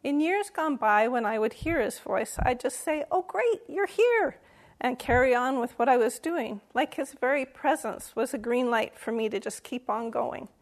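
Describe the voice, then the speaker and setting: A woman's voice: on the high side, normal speed, hardly any pauses. An older woman giving a church Advent message to camera, telling a wry story about herself with sudden emphatic outbursts. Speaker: lay church speaker.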